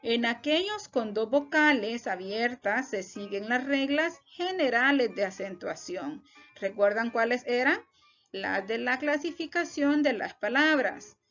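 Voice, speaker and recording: A woman's voice: fairly high pitch, expressive, unhurried, a bit bright. A woman teacher, giving a recorded spelling lesson to students with careful, example-led explanations. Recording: dull lo-fi recording with faint music.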